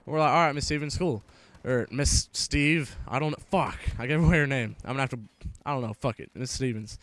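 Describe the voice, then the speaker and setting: A young male gamer rambles through a school story in loose, profane casual talk, with many restarts. His voice sits at an ordinary pitch for a man. The sound is close and dry, with no room echo. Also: brisk. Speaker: gaming vlogger. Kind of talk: rambling storytelling over gameplay.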